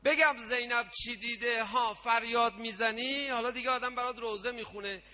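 A man delivers a mourning sermon in a high, bright, forceful voice. He moves between quiet, intimate storytelling and shouted, chanted lament. The recording sounds dull and lo-fi. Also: fairly even intonation. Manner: impassioned, swings from hushed storytelling to shouted lament. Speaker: preacher.

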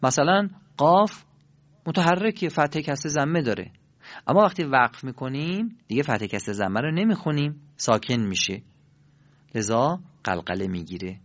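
A man teaching Quran recitation in a recorded lesson, demonstrating sounds slowly and asking learners to repeat after him. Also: mid-range voice, animated. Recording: dull lo-fi recording.

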